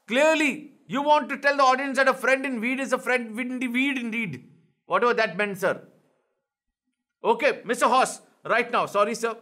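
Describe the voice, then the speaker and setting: A man's voice: extremely high pitch, bright, forceful tone. A man with an Indian accent playing a pompous, self-important male news anchor who keeps calling his guests "sir" in a comedic spoof interview. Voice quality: pompous, formal. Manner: repeats "sir" constantly, lectures guests.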